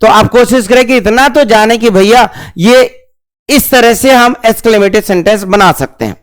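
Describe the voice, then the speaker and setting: High-voiced grammar teacher, clear. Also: male voice, moderate pace. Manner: repeats key words, asks questions then answers them. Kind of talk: classroom grammar lesson.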